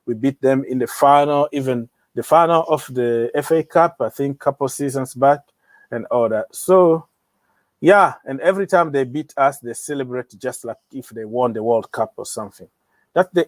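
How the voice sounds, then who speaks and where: A man's voice: medium pitch, moderate pace, no room sound. A young man hosting a casual football livestream, joking around and talking straight to his viewers. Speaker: livestream host of a football channel.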